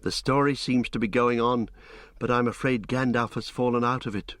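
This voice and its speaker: A man voicing a sad, soft-spoken young hobbit in an audiobook. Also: medium pitch, steady tone, moderate pace, dry recording, clean studio sound, close to an everyday voice. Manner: subdued, sorrowful.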